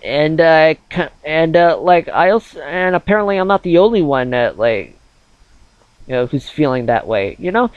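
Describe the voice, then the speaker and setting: A man's voice: on the high side, expressive, moderate pace, dry recording, phone-quality sound. A man of twenty-one chatting casually over gameplay as a gaming channel host, rambling with many fillers.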